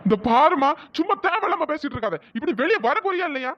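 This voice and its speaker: A voice actor playing a desperate young husband in a cartoon drama, pleading and wailing in a pitch-raised voice. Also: expressive, quick pace, dry recording, highs cut off. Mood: exasperated.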